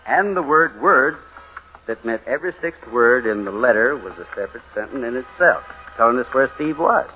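A man's voice: mid-range voice, lively intonation, normal speed, soft background music. A man narrating and hosting a 1950s radio western in an easygoing, folksy way, on a dull lo-fi old radio recording. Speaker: radio show host and singing cowboy narrator.

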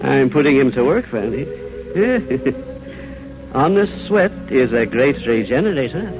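A man's voice: medium pitch, sing-song, unhurried, over loud music, low-quality recording. An actor playing a stern, wily old grandfather in a 1950s radio serial, crusty and commanding. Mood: gleeful. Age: older. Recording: old radio broadcast, faint noise.

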